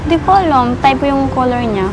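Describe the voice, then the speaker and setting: A woman's voice: high-pitched, a little fast, a crowd in the background. A young Filipino woman chatting casually outdoors. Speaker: student. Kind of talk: casual chat. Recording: very noisy outdoor street recording.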